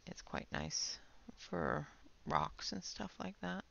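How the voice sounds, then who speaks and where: A woman giving a casual, unhurried art supply demonstration, half murmuring to herself, with a creaky voice that often trails off softly. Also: fairly low pitch, huge pitch swings, highs cut off.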